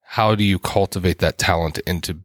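A man co-hosting a casual church podcast, explaining ideas and citing scripture between quick laughs. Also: deep voice, dry recording, clean studio sound. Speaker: podcast co-host. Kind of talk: casual chat about church.

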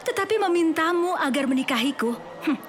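An actress playing a proud, dutiful and defiant wife in a radio drama. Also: female voice, extremely high pitch, lively intonation, fairly quick, some chatter behind, slight background noise. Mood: defiant, indignant.

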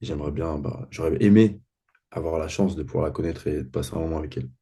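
A man speaking as a podcast guest, modest and hesitant, with many pauses and "euh"s. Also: a bass voice, warm tone, slightly rough. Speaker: guest athlete. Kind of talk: casual interview chat.

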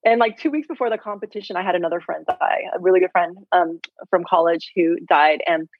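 A woman in her forties talks in a lively, rambling way, packed with "like" and "you know". Her voice comes through a thin, tinny line that sounds phone-like. The sound is dry, with no room around it. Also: lowish voice, a little fast, breathy edge, no echo, soft background music. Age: 40s. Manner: chatty, filler-heavy, animated retelling. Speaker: health coach, guest. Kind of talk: candid interview storytelling.

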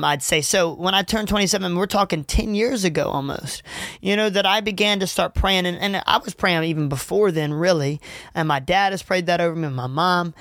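Young male podcast host, higher voice, dry close mic; earnest, rambling, faith-focused chat. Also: fairly bright tone, no room sound. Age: 20s. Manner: earnest, rambling, many fillers and restarts.

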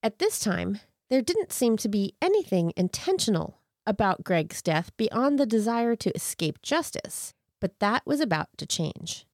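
A woman's voice: mid-range voice, big pitch swings, measured pace, few pauses, darkish tone, dry recording, studio quality. A woman co-hosting a true crime podcast, moving between narration and incredulous, sardonic casual commentary. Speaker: podcast co-host.

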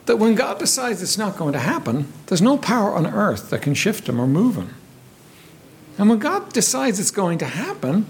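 A man's voice: high-pitched, vocal fry, breathy edge. A man preaching a sermon in an earnest way, often repeating and restarting his words.

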